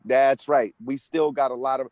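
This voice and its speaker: A man's voice: medium pitch, fairly even intonation, normal speed, a little mellow, dry recording. A man in his sixties, an interview guest from the United States, answering questions in an earnest, explanatory way with frequent restarts. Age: 60s. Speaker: interview guest, senate candidate.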